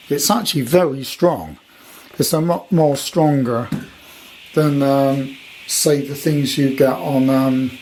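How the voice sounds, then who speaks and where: In a room at home, a man who collects vintage radios presents his new purchase, handling it while rambling informally and cracking jokey wordplay. He speaks with a fairly high, slightly mellow voice, and the recording has obvious noise.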